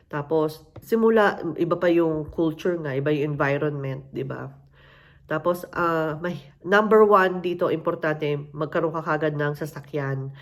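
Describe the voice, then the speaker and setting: A Filipino woman with a Filipino accent, telling her story in a casual, conversational way and slipping English phrases into her talk. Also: low-pitched. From Philippines. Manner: conversational, mixes in English phrases, acts out other people's voices. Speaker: interviewee sharing her immigrant story.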